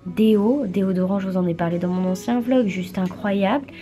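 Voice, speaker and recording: Chatty young woman, mellow voice. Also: mid-range voice, fairly quick, soft background music. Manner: chatty, relaxed, many fillers. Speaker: vlogger. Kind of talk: casual vlog voice-over.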